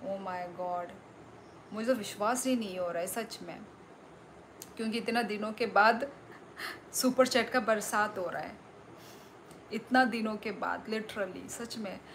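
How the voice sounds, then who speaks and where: A woman hosting a live stream, talking slowly and unhurriedly as she answers her viewers. She reads out their messages and breaks into exclamations. A faint hiss of noise sits underneath. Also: mid-range voice, fairly bright tone. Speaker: livestream host.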